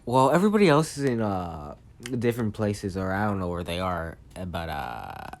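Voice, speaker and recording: A man's voice: low voice, sing-song, slight background noise. A man voicing an eager young male hero who rambles in a rush. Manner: rushed, eager rambling with fillers.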